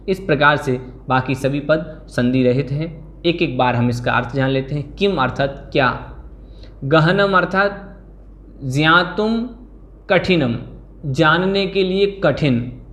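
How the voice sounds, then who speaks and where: A man teaching an online class, reciting verse lines slowly syllable by syllable and then explaining them. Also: mid-range voice, fairly bright tone, a little hiss or hum. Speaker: Sanskrit scripture teacher.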